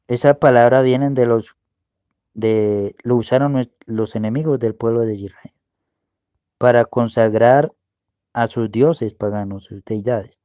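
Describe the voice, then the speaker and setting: A man's voice: medium pitch, steady tone, mellow, no echo, studio quality. A man preaching and teaching Bible words to his listeners, walking them through a screen share and often asking if they can see. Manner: slow, explaining, asks "¿ve?" often.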